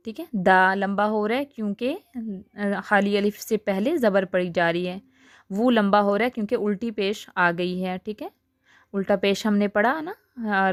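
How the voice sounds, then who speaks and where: A woman teaches recitation rules in a patient, explanatory voice of middle pitch. She draws out each example syllable slowly and deliberately. The recording is dry and close, with no room sound. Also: no room sound. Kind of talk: recorded tajweed lesson.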